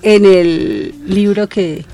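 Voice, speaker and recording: An older Colombian woman with a Colombian accent, a radio listener telling her story in a lively, animated way. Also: mid-range voice, drawn-out words, faint music behind. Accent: Colombian Spanish. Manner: animated testimony. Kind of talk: casual on-air chat.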